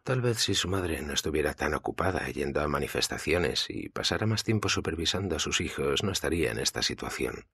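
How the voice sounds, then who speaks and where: A man's voice: extremely low pitch, animated, brisk, gravelly, few pauses, bright, forceful tone, breathy edge, dry recording, clean studio sound, full character voice. A man with a Spanish accent reading a cold, condescending army colonel in an audiobook, with curt lines. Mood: contemptuous. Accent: Spain.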